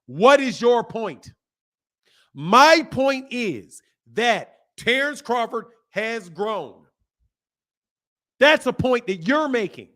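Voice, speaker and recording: A man's voice: very high-pitched, big pitch swings, takes it slowly, a bit bright. A man in his fifties hosting a boxing channel, scolding and insulting a caller in a heated live argument. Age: 50s. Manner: insulting, scolding, repeats himself.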